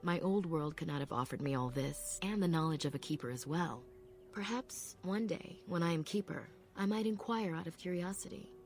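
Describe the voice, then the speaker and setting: Using her natural voice, an actress portrays a proud, composed elf apprentice from a game. The low, husky delivery is thoughtful and unhurried, carrying a solemn mood.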